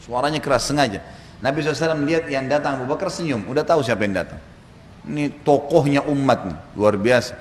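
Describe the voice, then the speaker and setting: A male preacher telling a story to his congregation in a sermon, with animated delivery. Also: mid-range voice, fast. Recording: echoey hall, faint background noise.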